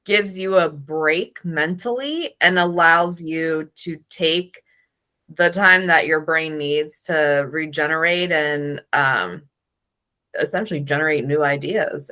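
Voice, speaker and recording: Woman, fairly low pitch, crisp bright tone, slow pace, casual, matter-of-fact explaining. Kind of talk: casual conversation.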